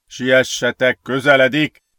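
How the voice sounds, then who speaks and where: A man voicing a scared teenage boy who keeps watch and shouts warnings in an audiobook. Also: medium pitch, no room sound, clean studio sound, natural voice. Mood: panicked. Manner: urgent, panicky shouting. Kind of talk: audiobook character voice.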